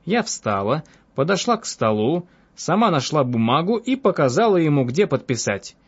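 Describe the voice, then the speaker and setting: A man's voice: fairly high pitch, very animated, moderate pace, breathy edge, exaggerated voice. A man voicing a cunning, bold young woman who tells her escapade with mocking self-assurance. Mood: amused scheming. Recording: dull lo-fi audiobook with faint music.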